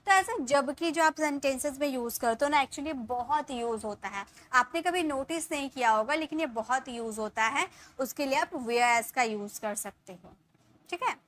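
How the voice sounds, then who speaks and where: A young woman teaches spoken English, slowly dictating example sentences and letting sentence ends fade. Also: high voice, animated, fairly bright tone, slight background noise.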